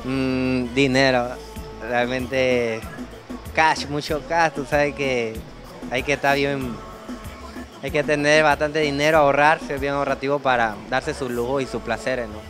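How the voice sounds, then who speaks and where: A man from Panama, a singer, answering interview questions in a relaxed way in a café. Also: mid-range voice, measured pace, over music. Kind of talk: casual interview. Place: crêpe café.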